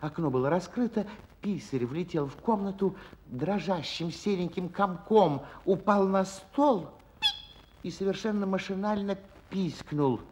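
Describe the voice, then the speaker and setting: An actor playing a playful magical storyteller, narrating a fairy tale in a theatrical, teasing and suspenseful way. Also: male voice, sits high, unhurried, darkish tone, a little hiss or hum. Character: playful magical storyteller addressing listeners and characters.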